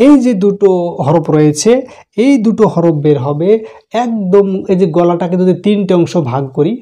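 A man teaching Quran recitation in a patient, step-by-step way, explaining each letter and sound and repeating them slowly. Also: high voice, warm tone.

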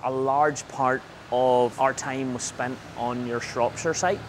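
A chatty, jokey man hosts a casual interview, his voice sitting in a middle pitch. He is recorded outdoors in a farm yard. Faint noise and passing vehicles sit behind him. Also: fairly even intonation, slow pace. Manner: chatty and jokey, with frequent laughs. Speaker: interviewer and show host.

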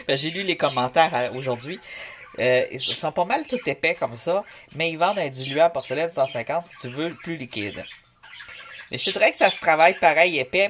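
A woman's voice: low voice, a bit bright, a little hiss or hum. A woman with a Québécois French accent, casually chatting and joking as she reads a paint label aloud for a craft video at home. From Canada. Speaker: craft vlogger. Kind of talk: casual product review. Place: home, with a noisy pet bird.

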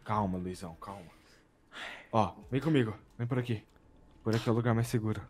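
A man chatting through a roleplay game, who keeps urging the others to stay calm. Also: on the low side, brisk. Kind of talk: casual roleplay gameplay chat.

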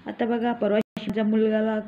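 A woman's voice: fairly high pitch, completely flat delivery, moderate pace, mellow, slight background noise, lightly acted. A woman playing a smug, scheming village mother who brags and mocks in a comic sketch. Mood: boastful. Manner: smug, mocking, gleeful bragging. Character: boastful scheming village mother, con artist. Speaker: comic character monologue. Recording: tinny phone-like recording.

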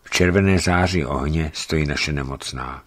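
A man reading a travel book aloud in calm storytelling narration. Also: very deep voice. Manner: calm storytelling, lifts his voice for quoted speech.

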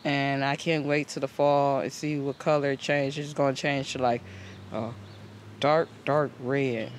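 Walking viewers through his garden in a loose, chatty way, the man behind a home gardening channel talks in a mid-range voice with a flat delivery and steady, measured pace. The outdoor footage comes from a handheld camera, its microphone carrying ambient noise.

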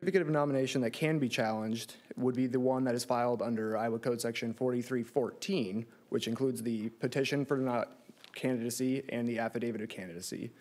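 A man's voice: mid-range voice, fairly even intonation, brisk, a little mellow. A man in his thirties delivering a formal legal argument at a courtroom lectern. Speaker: lawyer arguing an appeal. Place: large courtroom. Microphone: lectern microphone.

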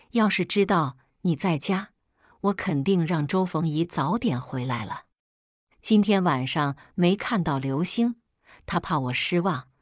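A spoiled, taunting young woman who drips with coy mockery, put on by a woman reading a story. Her pitch swings up and down, and the recording is dry and close. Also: dry recording. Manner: coy and mocking.

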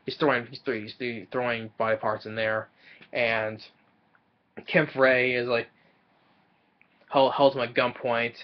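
A man's voice: medium pitch, level tone, unhurried, long pauses, muffled recording. A young man casually recapping a film's plot from a small room, often stumbling and repeating words as he goes. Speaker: movie reviewer.

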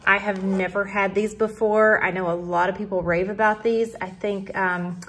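A woman, chatting upbeat on a phone camera as she shows store items and then her haul at home. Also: mid-range voice. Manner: chatty and upbeat, says y'all. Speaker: vlogger. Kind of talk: casual shop-with-me narration. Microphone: phone camera held in hand. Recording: loud fan noise in a store. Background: loud store fans and ambience.

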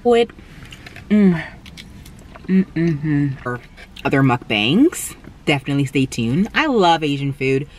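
Young woman food vlogger, low-ish voice, unhurried mukbang chatter from her car, faint hum behind. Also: sing-song, a little mellow. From Canada. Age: young adult. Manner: chatty, eating between remarks, lots of appreciative hums. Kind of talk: casual mukbang tasting chat. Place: parked car, indoors. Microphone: camera on the dashboard.

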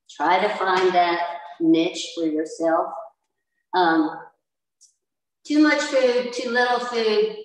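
A woman's voice: medium pitch, recorded from a distance. Older woman teaching in an echoey room. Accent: American. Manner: chatty, emphatic, repeats for stress. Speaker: cooking instructor. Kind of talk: community TV health talk. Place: indoor community center room with posters. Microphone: far camera, no visible mic. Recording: roomy echo, voice off-mic.

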